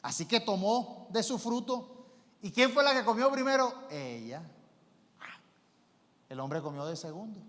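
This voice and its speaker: A man's voice: high voice, expressive, a little slow, pauses often, fairly bright tone. A male pastor preaching a sermon emphatically, with rhetorical questions and acted-out quotes. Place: church sanctuary. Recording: long church reverb.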